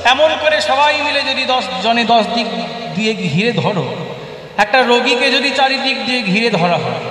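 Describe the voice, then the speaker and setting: A male devotional singer voicing a proud, sharp-tongued rival village woman who scolds the others imperiously, in a sung religious story performance. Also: on the high side, animated, moderate pace, recorded from a distance, slight background noise. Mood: bossy. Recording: echoey hall, heard from afar, music behind.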